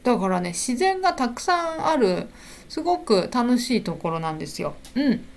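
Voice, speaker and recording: A chatty woman talking through a casual podcast lesson. Her voice swings up and down a lot as she goes. She keeps filling pauses with small affirmations and hesitation sounds. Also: fairly high pitch, creaky. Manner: chatty, fills pauses with "hai" and "ano"; lively, rising and falling often. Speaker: Japanese teacher.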